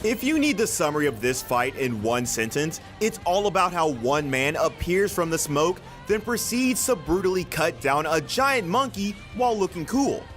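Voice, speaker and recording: A man's voice: fairly high pitch, very animated, moderate pace, hardly any pauses, music in the background. A man reading scripted countdown narration for a video list.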